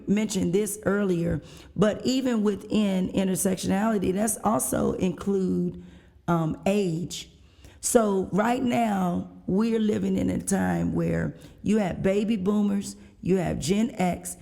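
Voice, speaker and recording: A woman's voice: medium pitch, gravelly, mellow. A middle-aged woman hosting a casual interview, reflective and building on her guest's points. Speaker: podcast host.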